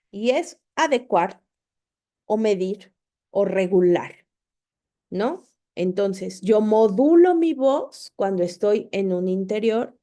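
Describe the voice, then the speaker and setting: With a medium-pitched, slightly mellow voice, this woman tutors an online course on spelling and punctuation. She's patient, goes over points again and keeps asking students "¿ok?"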